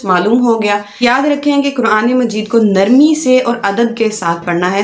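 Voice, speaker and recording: Slow patient woman teaching recitation, echoey. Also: mid-range voice. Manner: patient, demonstrates syllables slowly and repeatedly. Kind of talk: slow instructional lesson. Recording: echoey room.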